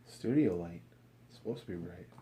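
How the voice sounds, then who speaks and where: A man's voice: low voice, lively intonation, brisk, warm tone, a little hiss or hum. A man joking and chiming in from off camera during a review. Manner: joking interjections from off to the side.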